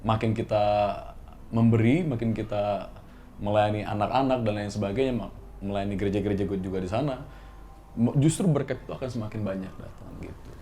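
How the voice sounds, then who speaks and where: A man who is a guest in an interview, telling his story hesitantly and pausing often to search for words. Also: fairly low pitch, warm tone, slight background noise. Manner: hesitant, many fillers, then cheerful. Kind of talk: testimony in an interview.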